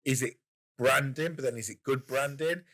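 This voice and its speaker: A man's voice: medium pitch, moderate pace, a bit bright. A man co-hosting a podcast in casual chat, musing aloud with a lot of hedging and wry humor. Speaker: podcast co-host.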